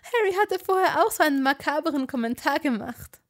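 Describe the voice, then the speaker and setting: A woman's voice: high voice, animated, a little fast, voice pushed up. A woman voicing an earnest, clever young witch in a fan audio drama. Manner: earnest, explaining, easily indignant.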